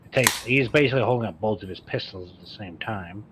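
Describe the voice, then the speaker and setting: A man's voice: fairly low pitch, fast, background noise. A man running a tabletop game as game master, narrating combat casually over an online voice call and swearing freely. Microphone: online voice call mic.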